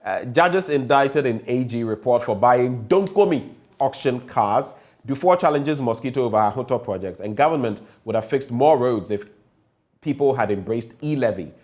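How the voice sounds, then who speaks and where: A man's voice: mid-range voice, lively intonation, normal speed, darkish tone. A man with a Ghanaian English accent hosting a morning newspaper review, reading headlines and asking pointed questions. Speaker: news review host.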